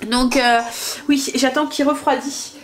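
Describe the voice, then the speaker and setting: In this casual cooking vlog, a woman in her thirties talks from her home kitchen with a cold-blocked nose. She's a family vlogger whose high, steady voice moves at a measured pace, full of hesitations and fillers.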